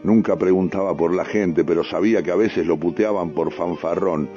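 A man's voice: sits low, moderate pace. A middle-aged man with a Rioplatense accent telling a rambling, streetwise story and acting out the dialogue himself. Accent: Rioplatense Spanish. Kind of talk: spoken storytelling monologue. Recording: dull lo-fi recording with faint music.

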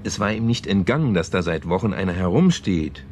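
In a radio play, a man with a fairly low voice haltingly retells a novel to a sceptical woman, absorbed in the storytelling. He sounds earnest, patient, animated and a little mellow, hedging as he goes in a natural, conversational style. Some noise is audible on the recording.

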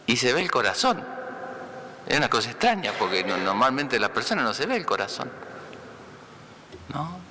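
A man, a priest, giving a conversational homily, often checking with listeners and pausing to restart phrases. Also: mid-range voice, bright, forceful tone, big-room sound, slight background noise. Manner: conversational, asks "¿no?" for agreement; pauses and restarts mid-phrase. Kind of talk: spoken homily.

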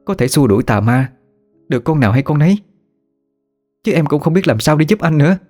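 A man's voice: on the high side, animated, brisk, darkish tone, voice pushed up. A man voicing an exasperated young wife who nags and scolds her husband, over faint music. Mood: worried. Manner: nagging, scolding.

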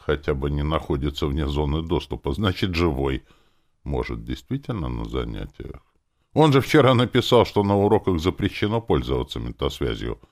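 A man's voice: extremely low pitch, a little mellow. A man narrating a first-person audiobook in a wry, sardonic manner.

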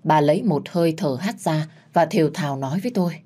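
A woman storyteller giving measured, emotive scripted story narration. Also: deep voice, animated, mellow.

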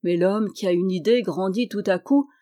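A woman narrating a historical novel aloud in a steady audiobook reading. Her voice sits at a middling pitch, and she reads in a lively way, lifting it higher and louder when the villagers speak. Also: moderate pace. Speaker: audiobook reader. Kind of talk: scripted narration.

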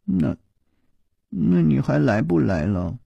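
一位男性说书人演绎一个轻佻好色的中年妇人，嗓音沙哑，带气声低语，娇嗔调笑。. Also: male voice, mid-range voice, sing-song, takes it slowly, dark tone, dry recording, highs cut off, heavily acted. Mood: coaxing. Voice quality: husky, breathy whispering. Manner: coquettish, teasing, giggling. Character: flirtatious lustful middle-aged woman. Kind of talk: storytelling character voice.

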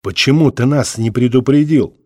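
A man voicing a brave young male leader who shouts urgent, commanding orders. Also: mid-range voice, lively intonation, moderate pace, no echo, studio quality, lightly acted. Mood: stern.

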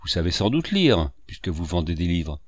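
Man doing a low, grave country priest, kindly but stern, storybook read, dry close sound. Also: very animated, moderate pace, no echo. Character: gentle but firm older village priest. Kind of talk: audiobook character reading.

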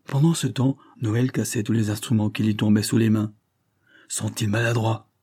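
A man reading a classic novel aloud in steady, measured narration. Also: on the low side, husky. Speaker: audiobook narrator.

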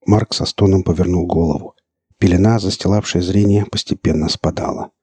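A man reading a novel aloud in an even, measured storytelling manner. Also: low voice, breathy edge, dry recording. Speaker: audiobook narrator. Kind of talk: scripted narration.

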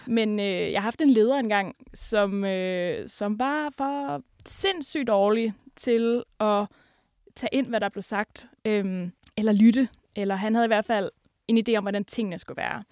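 A woman's voice: mid-range voice, darkish tone, dry recording, studio quality. A woman guest telling work stories in casual chat, with many hesitant fillers. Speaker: podcast guest, café worker. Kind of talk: casual storytelling.

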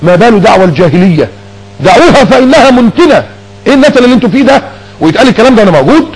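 Rapid, animated Egyptian preacher, a man. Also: sits high, breathy edge, rough recording. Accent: Egyptian Arabic. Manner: dramatic, acts out dialogues in shifting voices. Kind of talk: colloquial sermon.

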